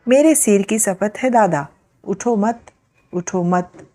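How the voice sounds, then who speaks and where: An anxious widowed younger sister who pleads with urgency, as a woman storyteller puts her on. Her voice sits noticeably higher than the narrator's own, within a slow storybook reading. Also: mellow, lightly acted.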